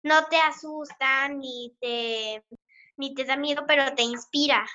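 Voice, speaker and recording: A woman with a high, bright voice speaks slowly and gently, searching for her words. The sound is dull and lo-fi. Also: fairly even intonation. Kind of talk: describing a poem in class.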